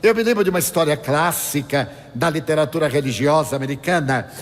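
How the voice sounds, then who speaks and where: A man's voice: on the high side, brisk. Older man lecturing in a reverberant hall. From Brazil. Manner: lively storyteller, acts out dialogue. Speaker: spiritist speaker. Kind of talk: anecdotal lecture to an audience.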